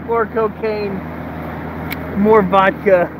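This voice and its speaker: Speaking extremely slowly with fairly even intonation, a high-pitched man in his thirties vlogs from his truck cab in a loose, laid-back, rambling style. He runs a truck business and talks into a phone held at arm's length for a casual talking-head video. The recording is muffled phone audio with engine noise.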